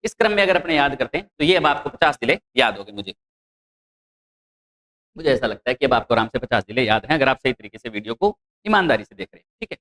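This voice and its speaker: A man's voice: mid-range voice, big pitch swings, fairly bright tone. A man teaching an exam-prep geography lecture in Hindi with a Rajasthani accent, asking his own questions and answering them and repeating key answers. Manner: lists place names in quick runs.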